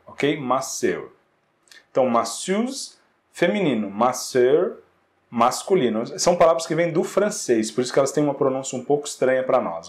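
A Brazilian man with a Brazilian Portuguese accent teaches English in a classroom style, his voice sitting a little high and moving up and down a lot. He says each English phrase slowly and carefully, then explains it in Portuguese, with a steady "né?" and "ok?" after nearly every point. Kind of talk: classroom-style lesson correcting exercises.

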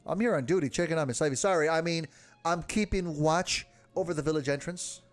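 A man's voice: fairly high pitch, brisk, faint music behind, close to an everyday voice. A man reading game dialogue aloud, voicing a lovesick, nervous young male village guard who keeps blurting things and covering them up. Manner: flustered, blurting then covering up.

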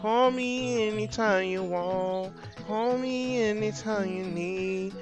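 A man voicing a gentle pet keeper from a fantasy game with drawn-out, mock-sweet delivery. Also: sits high, over music, voice pushed up.

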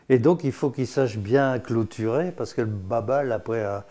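A man's voice: mid-range voice, measured pace, mellow. An older man giving a chatty, teasing dialect lesson full of asides. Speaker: patois teacher.

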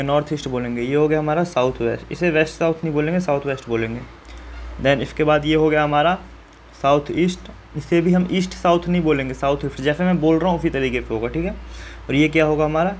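A man's voice: on the high side, darkish tone, slight background noise. A man teaching students step by step how to fill in a map, in a friendly and reassuring way, often asking viewers questions. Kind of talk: map-filling lesson for school students.

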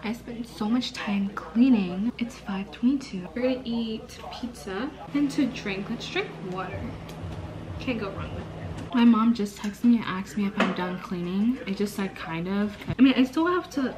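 A teenage girl with a medium-pitched voice vlogs her day from her bedroom and kitchen at home, and the recording is rough. Chatty and casual with her viewers, she often drops to a whisper while holding the camera close to her face.

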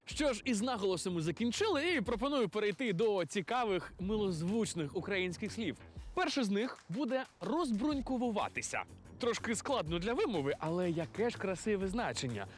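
A man working as a TV street reporter, playfully quizzing people in a lively voice-over. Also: high voice, a little fast, faint music behind. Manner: playful, teasing quizmaster.

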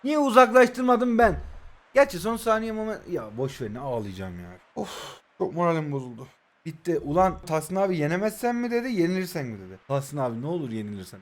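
A man in his twenties from Turkey talks over his own mobile football match as a gaming YouTuber. His voice sits high for a man, and he swings from loud shouts at his players to quiet, grumbling asides. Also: sing-song, brisk. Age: 20s. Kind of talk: excitable live gameplay commentary.

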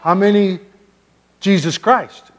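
An older man, a pastor giving a children's sermon in a church sanctuary, gently and playfully asking the kids questions. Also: high-pitched, slow, a little hiss or hum. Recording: long church reverb.

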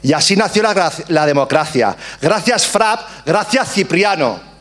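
A man's voice: sits high, animated, a little slow, a bit bright. A man in his forties reading a prepared, emphatic testimony aloud at a book presentation. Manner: earnest, emphatic, slogan-like closing.

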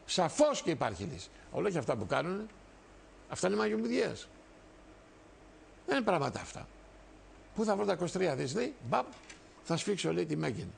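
A man's voice: a little high, very animated, vocal fry, pauses often, a little hiss or hum. A man in his sixties, a TV host and party leader, gives an impassioned, emphatic monologue straight to the viewers, with much repetition. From Greece.

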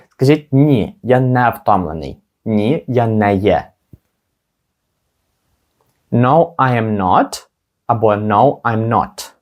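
A man teaching an English lesson. He slows right down to model each English phrase, then explains quickly. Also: medium pitch, a little mellow. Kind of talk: language lesson.

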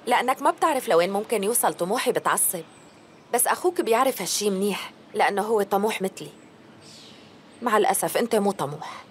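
A woman plays an ambitious, cutting woman in a dubbed drama. She speaks fast at a medium pitch, resentful, with faint ambient noise. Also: lively intonation, close to an everyday voice.

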